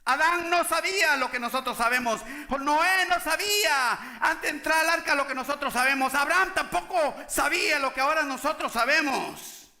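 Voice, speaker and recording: A man's voice: very high voice, moderate pace, few pauses, pushed and bright, roomy sound. A man preaching a sermon as pastor, speaking emphatically and often checking in with the congregation.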